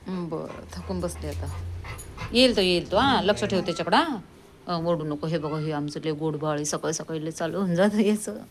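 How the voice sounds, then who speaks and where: A woman vlogging at home, calm asides to viewers mixed with high, coaxing baby talk to her dog. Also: brisk, a little hiss or hum. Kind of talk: casual vlog talking to her dog.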